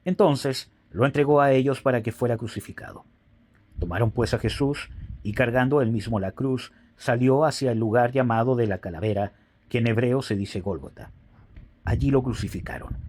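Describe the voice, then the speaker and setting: A man reading scripture aloud in a steady, solemn way. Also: mid-range voice, moderate pace. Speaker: Bible reader.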